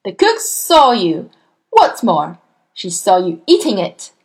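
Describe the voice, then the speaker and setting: A woman's voice: a little high, sing-song, takes it slowly, pitched above the performer's own voice, heavily acted. A woman voicing a tyrannical, bullying, contemptuous headmistress from a children's storybook, with a theatrical, emphatic delivery. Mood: furious, accusing. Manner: theatrical barking, venomous, emphatic insults. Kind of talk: children's storybook character reading.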